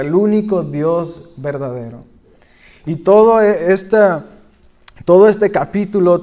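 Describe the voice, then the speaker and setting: A male pastor delivering a sermon at an unhurried, deliberate pace. His voice sits a little above the usual male range, and he lifts it to press a point before sinking back almost to a murmur. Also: high voice. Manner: slow, deliberate preaching that rises in emphasis and drops to a hush.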